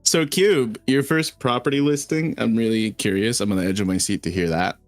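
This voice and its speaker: A man teases his co-hosts in a casual podcast, wordy and halting as he strings long arguments together. His voice sits at a middle pitch and sounds dry and close to the mic. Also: no echo, faint music behind. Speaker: podcast co-host. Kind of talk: casual chat, mock debating.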